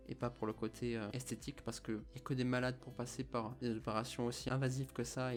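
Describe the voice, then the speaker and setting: Young French man with a slight slushy lisp. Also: medium pitch. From France. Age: early 20s. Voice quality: slight lisp, slushy s sounds from a palate expander. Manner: slightly mumbled articulation, chewing his words. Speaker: vlogger telling of his own treatment. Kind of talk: explanatory vlog talk to camera. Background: music.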